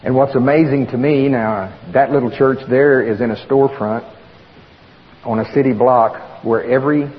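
A man's voice: medium pitch, fairly even intonation, normal speed. A man with an Oklahoma accent preaches informally as a guest preacher, folksy and plain-spoken, repeating words for emphasis. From Oklahoma, United States. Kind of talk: informal sermon to a congregation. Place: church sanctuary. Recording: reverberant hall, muffled, faint noise.

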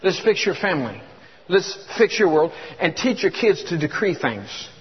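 Fervent high-voiced preacher man in his 50s. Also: big pitch swings, moderate pace, husky. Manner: fervent, repeats words, calls for congregation responses. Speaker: guest preacher. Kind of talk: sermon. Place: church. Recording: echoey hall, dull lo-fi sound.

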